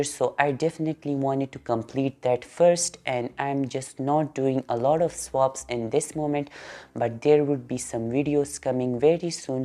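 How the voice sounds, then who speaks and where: Young Pakistani-accented woman, very low mellow voice, earnest casual vlog Q&A. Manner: earnest, simple phrasing with repeated intensifiers. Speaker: doll artist answering viewer questions.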